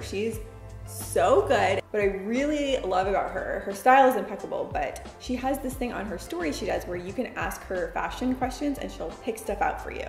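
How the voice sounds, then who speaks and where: A woman in her thirties chatting upbeat and gushing in a casual vlog try-on at home. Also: mid-range voice. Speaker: lifestyle vlogger. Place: bright living room at home. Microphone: camera in hand and mirror selfies.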